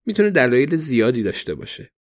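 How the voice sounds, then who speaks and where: A man voicing a sharp young policewoman who speaks wryly and confidently in a read storybook. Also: mid-range voice, very animated, lightly acted.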